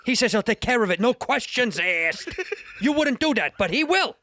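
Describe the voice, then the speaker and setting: A man's voice: very high voice, sing-song, normal speed, bright, forceful tone, a little hiss or hum, voice pushed up, full character voice. A man acting out a menacing, profane adult male mobster who wants an apology, in a comedy sketch.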